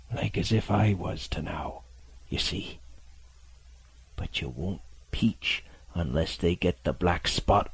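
A man voicing a gruff, dying old sea captain who murmurs slowly in rough sailor's speech, his voice weak and faint. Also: low voice, darkish tone, exaggerated voice. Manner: slow, murmuring, at times whispered.

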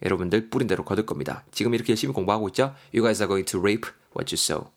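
A man teaching English vocabulary in a lively way, spelling out words letter by letter and repeating them. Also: lowish voice, brisk. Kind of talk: language lesson.

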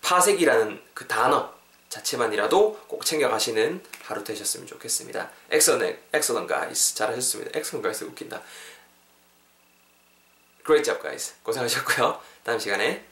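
Lively man teaching English phrases. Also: medium pitch, roomy sound. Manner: energetic, drills phrases slowly and repeats them for learners. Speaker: English teacher, podcast host. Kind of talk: podcast English lesson.

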